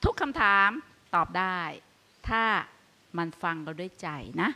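An older woman offers Buddhist advice on a live radio show, her voice bright and clear. She talks earnestly and with animation, stacking up everyday examples. She speaks from a meditation hall before an audience. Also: mid-range voice, sing-song, a little slow. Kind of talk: dharma talk on live radio.

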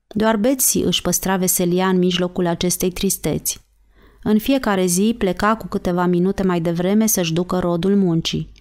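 A woman narrating an audiobook chapter in a slow, measured reading voice. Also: fairly low pitch, a little mellow. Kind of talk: scripted narration.

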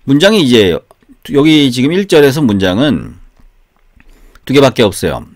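With guitar in the background, a man teaches English in a relaxed, conversational way, singing examples, posing rhetorical questions, and repeating phrases. He has a mid-range voice with big pitch swings and speaks at normal speed.

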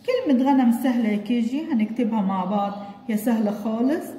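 A kindergarten teacher with an Egyptian accent, her voice somewhat high and warm, patiently stretching out letter sounds for young learners. The recording rings with a long, hall-like reverb and a faint hiss of background noise. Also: expressive. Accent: Egyptian Arabic. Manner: sounds out letters and syllables slowly and clearly, coaxing the child along. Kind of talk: recorded lesson for young children.

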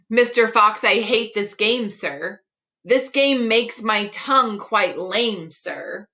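A woman's voice: mid-range voice, slow pace, bright, forceful tone. A woman voicing a flustered, politely complaining male creature in a children's picture book read-aloud, pleading and weary. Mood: exasperated. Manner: pleading, tongue-tied protesting.

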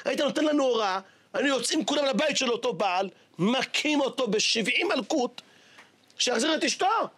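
Brief: man doing indignant male disciples, slow emphatic outrage, high lively voice. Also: husky, heavily acted. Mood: outraged.

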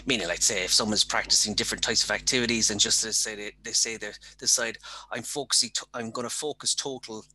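A middle-aged man hosting, asking long, halting questions over a headset on a video call. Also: on the low side, steady tone, sharp tone, slight background noise. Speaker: golf coach host. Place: office.

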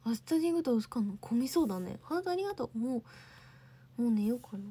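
Young female idol streamer, high husky voice, chatty, answers viewer comments. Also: expressive, fast, dark tone. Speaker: idol livestream host. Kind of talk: casual livestream chat reading comments.

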